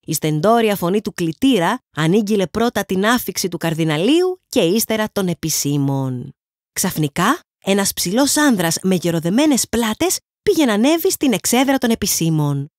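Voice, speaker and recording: A woman from Greece narrates a storybook with an animated, swinging pitch and an expressive delivery. Her voice sits at a middle height and sounds dry and close to the mic. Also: dry recording. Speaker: audiobook narrator. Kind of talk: scripted audiobook narration.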